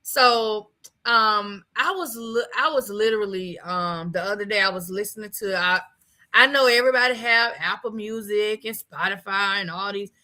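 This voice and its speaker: A woman hosting a casual talk show, chatting in an animated way and laughing often. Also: medium pitch, moderate pace, rough recording. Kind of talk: casual chat.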